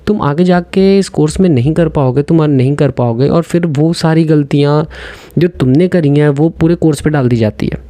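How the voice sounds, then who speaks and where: A man's voice: on the high side, normal speed, warm tone, no room sound. A young man in his twenties from India, a dental student giving earnest, direct advice to exam takers in a casual vlog, often slipping into English phrases.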